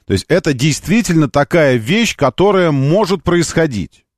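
Animated male radio host, very dry sound. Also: on the high side, moderate pace, no echo. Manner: argumentative, emphatic, repeats phrases. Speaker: radio call-in show host. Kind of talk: live car talk radio, conversational monologue. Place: radio studio.

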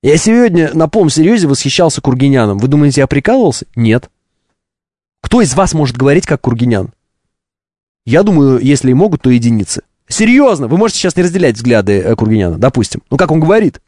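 A man's voice: mid-range voice, big pitch swings, quick pace, dark tone, dry recording, clean studio sound. A man hosting a live stream, delivering an opinionated, didactic monologue with emphatic rhetorical questions and ironic asides.

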